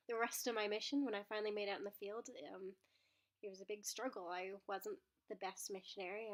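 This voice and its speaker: A woman in her twenties, unwell and out of breath, talking candidly in a casual vlog with frequent hesitations. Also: mid-range voice. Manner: candid, hesitant with many ums. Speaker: vlogger.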